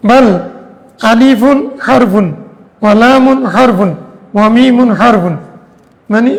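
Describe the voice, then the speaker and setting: A man's voice: very high-pitched, vocal fry. Man, religious class teacher, question-and-answer style, long hall reverb. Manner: explains step by step, asks students questions and answers himself. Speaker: hadith teacher.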